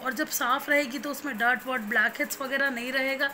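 In this casual vlog from home, a young mother alternates between cooing baby talk for her infant and chatty, straightforward advice for her viewers. Her voice sits high with a steady tone, fairly quick, pushed and bright. The rough recording carries a little hiss or hum.

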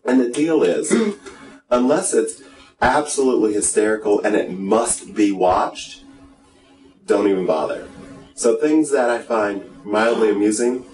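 A man's voice: fairly low pitch, expressive, a little slow, darkish tone, soft background music. A middle-aged man chatting casually in a dry, matter-of-fact way. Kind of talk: casual chat. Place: small living room, indoors. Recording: roomy, distant microphone.

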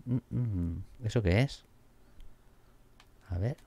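A man commenting on his game as he plays, excitable and swearing often. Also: fairly low pitch, takes it slowly, creaky. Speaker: gaming streamer. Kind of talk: let's play commentary.

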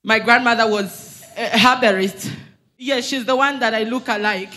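A woman's voice: fairly high pitch, steady tone, moderate pace, sharp tone. A young woman from Zambia giving an earnest, emphatic church testimony into a handheld mic in a large hall. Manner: earnest, emphatic, retelling dialogue.

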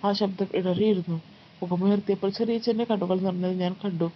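A woman narrating a first-person life story in a calm, steady storytelling read. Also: mid-range voice, brisk. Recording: slightly muffled with faint background noise.

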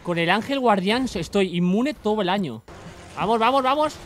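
A man giving excited gameplay commentary as channel host, shouting and swearing often. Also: high voice, normal speed.

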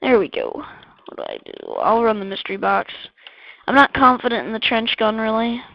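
Excitable woman with a gravelly, lo-fi voice. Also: fairly high pitch, moderate pace, no room sound. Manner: excitable, rambling, blurts out weapon names. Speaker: gameplay commentator. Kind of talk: casual gameplay commentary. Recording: dull lo-fi dry mic.

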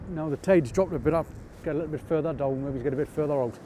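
Geordie-ish guy fishing off the rocks at night, mellow voice, bit of wind hiss on the camera mic, dry self-deprecating chat. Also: a little high, fast talker. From North East England. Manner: chatty, self-deprecating, understated. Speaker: angler vlogger. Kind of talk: casual fishing vlog narration. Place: outdoors on rocky shore at night, wind and rain. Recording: outdoor camera audio with faint wind noise.

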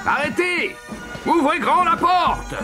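A man voicing an old general shouting orders from a fort in an audio storybook. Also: very high voice, slow pace, pitched above the performer's own voice. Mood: commanding. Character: old male general commanding a fort, bellowing. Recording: loud music underneath.

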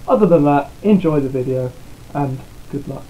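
A man, his voice turned metallic and robotic by a capture glitch, giving a flat, unhurried disclaimer as host of a party game video. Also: on the high side, slight background noise. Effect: metallic robotic distortion from a capture glitch. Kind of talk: spoken disclaimer to viewers.

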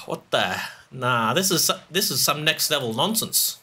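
A man's voice: mid-range voice, lively intonation, measured pace, pushed and bright, husky. A man giving let's play commentary, talking to himself as he plays, with frequent exclamations and laughter. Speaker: gaming channel host.

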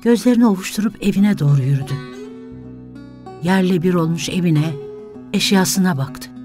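A woman narrating a literary story in a measured, dramatic reading. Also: lowish voice. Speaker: audiobook narrator. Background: soft music.

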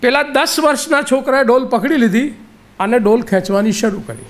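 A man delivers an inspirational talk to an audience, his voice sitting noticeably high. He tells stories in a relaxed, conversational way and circles back to repeat phrases for emphasis. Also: moderate pace. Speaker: lecturer. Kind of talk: inspirational public lecture.

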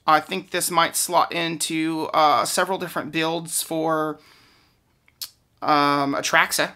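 A man's voice: on the high side, level tone, slow pace, bright, forceful tone. A man giving casual, off-the-cuff unboxing commentary as he opens card packs, often hesitant and trailing off mid-thought. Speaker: card pack opener and commentator.

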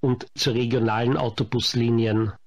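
A man reading formal, measured, scripted subway station announcements. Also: mid-range voice, fairly even intonation, slight background noise. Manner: formal, measured listing of stops and transfers.

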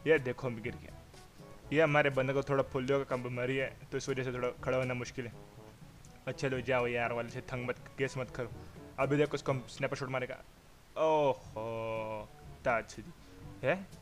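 A man with a Pakistani Urdu accent giving comic, excitable commentary over his own sniper match, mock-insulting his opponents. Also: mid-range voice, brisk. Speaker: gamer giving funny commentary. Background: background music.

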